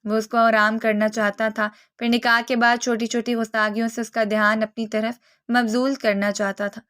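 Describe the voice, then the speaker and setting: A woman narrating a romance novel in a measured, emotive storybook style. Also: a little high, flat delivery, fairly bright tone, smooth.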